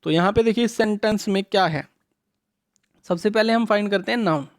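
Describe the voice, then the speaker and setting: A woman teaching a revision English lesson to schoolchildren, asking questions and answering them herself, reading English lines out slowly, mixing Hindi with English words. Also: medium pitch. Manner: reads English sentences out slowly.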